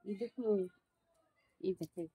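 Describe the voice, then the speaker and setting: A woman films a casual home vlog outdoors behind her house on a handheld phone. She chats to the animals and to her viewers, scolding them gently, and often keeps her voice low so the neighbours won't complain. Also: a little slow, no room sound. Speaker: vlogger feeding monkeys.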